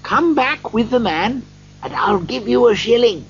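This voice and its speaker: A storybook reader puts on an elderly reformed miser, bursting with eager generosity. The voice lifts well above a normal speaking pitch and swings about excitedly. The recording is a little dull, with faint noise. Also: a little slow, husky, exaggerated voice. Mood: giddy, excited. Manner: exuberant, eager, effusive. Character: elderly miser turned giddy, joyful, generous.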